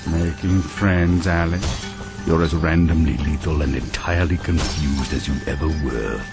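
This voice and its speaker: A man playing a sly, sardonic cat in a video game, speaking in languid riddles with a gravelly voice. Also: a bass voice, fairly even intonation, normal speed. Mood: wry, cryptic. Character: sly, sardonic, enigmatic male cat, a cryptic guide. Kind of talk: video game character acting. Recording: loud music behind the voice.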